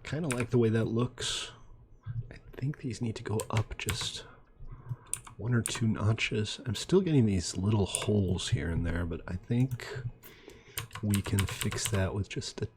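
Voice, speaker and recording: Brief: deep-voiced, unhurried male game commentator, keyboard clicks behind. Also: noisy background. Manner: relaxed, thinking aloud while building. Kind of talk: let's play commentary. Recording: mouse and keyboard clicks audible. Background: computer clicking and typing.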